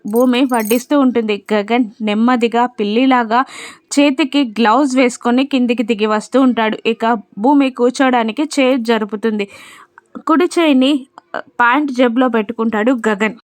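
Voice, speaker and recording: A woman's voice: on the high side, dry recording. Woman narrating a serial recap. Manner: steady, descriptive retelling.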